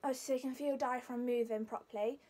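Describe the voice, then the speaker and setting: Speaking fairly quickly in a fairly high, darkish voice with fairly even intonation, this young Leicester-accented woman demonstrates vocal warm-ups. She's a singing student explaining the exercises informally to camera.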